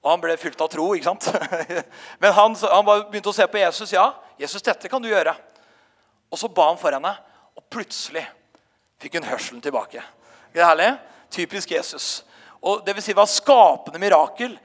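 A male pastor delivers a sermon with a notably high voice. He tells his stories with plenty of hesitations and small restarts. His words echo with the long reverb of a church hall. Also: lively intonation. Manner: storytelling with frequent hesitations.

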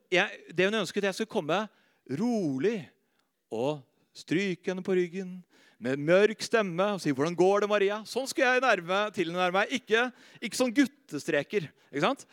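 A man preaching a sermon, telling stories about himself with laughter, then going soft and slow when he speaks of faith. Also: high voice, dry recording, clean studio sound.

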